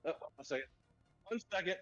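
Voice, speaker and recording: Man on a call, high voice, glitchy warbling robotic audio, muffled lo-fi sound, halting speech. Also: expressive, bright, forceful tone, no echo. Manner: halting, repeats words, measured. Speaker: co-host on a voice call. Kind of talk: casual discussion.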